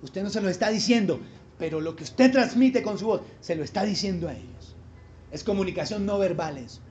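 A man's voice: high-pitched, lively intonation, brisk, darkish tone, a little hiss or hum. A man preaching a sermon as pastor, emphatic and quizzing the congregation with rhetorical questions. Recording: dull live church recording with faint ambience.

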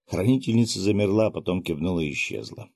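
Low-voiced male audiobook narrator. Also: lively intonation, quick pace, creaky, a little mellow, no room sound, studio quality. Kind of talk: scripted fantasy audiobook narration.

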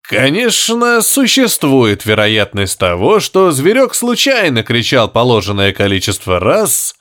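A man's voice: medium pitch, wildly swooping pitch, a bit bright, dry recording, clean studio sound. A man voicing a thoughtful middle-aged scholar and father in an audiobook. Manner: measured, pondering.

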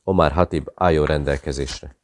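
A man's voice: rumbling low, fairly even intonation, dry recording, studio quality. A man steadily narrating a thriller audiobook.

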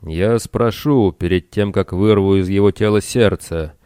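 A man reading a storybook aloud and voicing a booming, metallic bronze giant who speaks slowly, loudly and with menace. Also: clear, resonant tone, dry recording, clean studio sound, lightly acted. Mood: threatening. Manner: slow, loud, threatening delivery. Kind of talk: audiobook narration with character voices.

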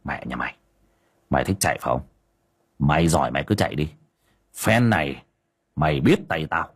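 A man's voice: low-pitched, sing-song, a little fast, fairly bright tone, breathy edge, full character voice. A man voicing a short-tempered young exorcist who barks threats. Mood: furious. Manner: barking, cursing threats.

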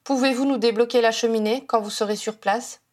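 A woman reader voicing a calm, firm male head of a wizard police force. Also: a little high, a little fast, lightly acted.

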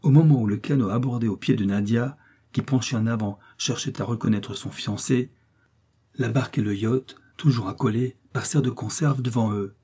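A man narrating a classic novel as an audiobook, reading in a measured, steady storytelling manner. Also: medium pitch, husky.

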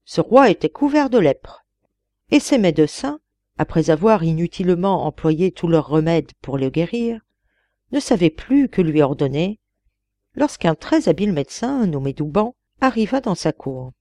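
Woman narrating an old fairy tale audiobook, lively pitch, mellow tone. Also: normal speed, no room sound. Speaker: audiobook reader. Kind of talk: scripted narration of a classic tale.

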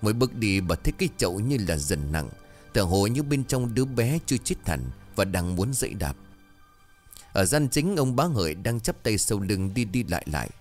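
A man narrating a horror story in a dramatic, lively storytelling manner. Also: fairly low pitch, moderate pace, faint music behind.

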